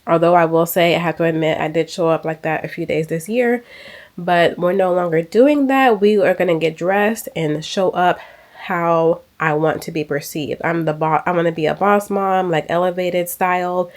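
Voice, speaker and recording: A woman in her thirties talks straight to her handheld camera in a relaxed lifestyle vlog. Her voice sits a little low, and she leans on emphasis, saying her key points twice. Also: moderate pace. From United States. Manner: chatty, emphatic, repeats phrases for effect. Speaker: lifestyle vlogger. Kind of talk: casual vlog chat. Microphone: small handheld camera mic.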